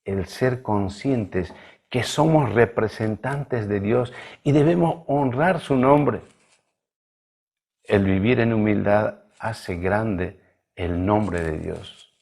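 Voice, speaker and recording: Man preaching a sermon, slow and deliberate, gravelly, lowish voice, emphatic stresses. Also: darkish tone. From Bolivia. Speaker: pastor. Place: church livestream.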